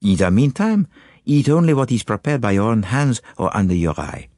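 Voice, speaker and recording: A man's voice: lowish voice, sing-song, normal speed, darkish tone, no echo, clean studio sound, pitched above the performer's own voice. A man doing Poirot, fussy foreign detective. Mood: courteous. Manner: precise and polite, sprinkled with French phrases. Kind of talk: audiobook character voice.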